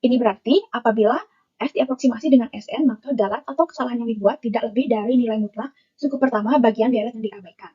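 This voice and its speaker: A woman's voice: fairly high pitch, fast, mellow, husky, highs cut off. A young woman, a university student, reads her math lecture notes aloud and works through the formulas one term at a time.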